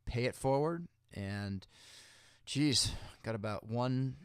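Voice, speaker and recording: A man's voice: mid-range voice, slow, clean tone, no room sound, clean studio sound. A man hosting a motivational series, giving a halftime-style pep talk straight to viewers in a conversational, encouraging way, leaning on repeated phrases for emphasis. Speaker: host of a motivational video series.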